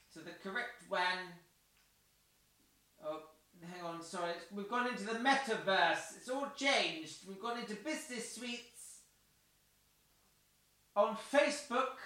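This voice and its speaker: Guy radio host, bright sharp voice, scatterbrained and chatty. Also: sits high. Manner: scatterbrained, rambling, self-mocking. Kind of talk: rambling comedic radio chat.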